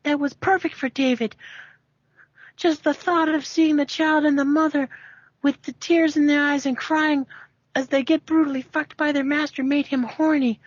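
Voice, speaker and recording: A woman with a high-pitched voice reads a fanfiction story aloud as an amateur, tripping over words, sounding amused, and dropping casual asides into her dramatic reading. The home recording is dry and muffled, with no echo.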